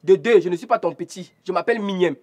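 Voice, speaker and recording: An actor playing a cheeky younger brother who talks back and taunts. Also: male voice, sits high, fast, a little mellow. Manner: cheeky, provocative.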